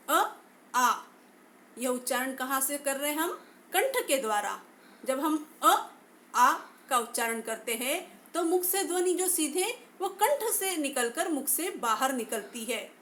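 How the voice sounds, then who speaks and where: A woman with a high voice teaches at an unhurried pace, drawing out each letter as she demonstrates it. She speaks straight to her listeners and asks them to try along. A faint ambient hum sits behind her. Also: a bit bright. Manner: addresses listeners directly, inviting them to try. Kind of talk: slow, careful phonetics lesson.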